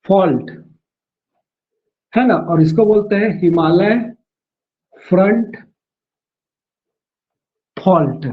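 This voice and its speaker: A male teacher with a fairly high voice gives a classroom lecture, slowly repeating and spelling out each term, then checking with listeners using "है ना" and "ठीक है" before moving on. The sound is dull and lo-fi, like a low-grade online class recording.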